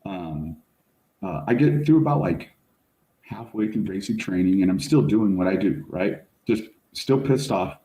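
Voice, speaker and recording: A middle-aged man, a fire service officer, telling a story as a podcast guest in a casual, animated way, full of slang. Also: low voice, measured pace. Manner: animated, slangy, says "like" and "bro" often. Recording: roomy echo.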